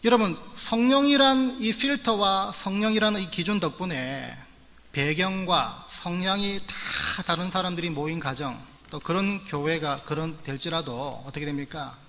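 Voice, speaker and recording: A man's voice: a little high, normal speed, creaky, sharp tone. A middle-aged man from the Gyeongsang region of Korea preaching a sermon as pastor, earnest with humorous asides. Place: church sanctuary. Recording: long church-hall reverb.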